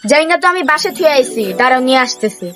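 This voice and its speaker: A woman speaking in a pleading, hurried way in a comedy sketch. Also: high voice, animated, music in the background.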